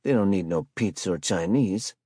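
A man's voice: low voice, lively intonation, moderate pace, no room sound, clean studio sound. A man voicing a menacing adult street hustler who bullies and robs, in swaggering slangy speech, for a spoken story. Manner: swaggering slangy street talk, pushy and loud.

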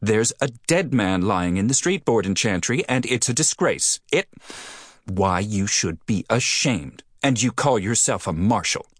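A man's voice: lowish voice, lively intonation, measured pace, dry recording, clean studio sound, voice pushed up. A male audiobook reader voicing an older frontier postmistress who scolds and nags indignantly. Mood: scolding. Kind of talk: audiobook character voice.

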